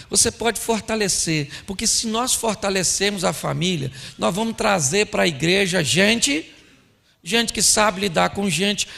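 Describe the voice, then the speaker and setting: A man pastor preaches a lively, joking sermon at a church conference. His voice sits high and bright with a heavy gravelly rasp, and he keeps slipping into little acted scenes. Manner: animated, playful, acts out scenes. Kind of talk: humorous sermon.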